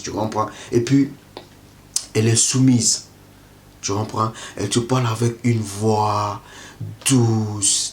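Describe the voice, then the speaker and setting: A man giving dating advice straight to the viewer in a casual monologue, who keeps checking if the listener understands. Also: mid-range voice. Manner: repetitive, keeps asking "tu comprends?".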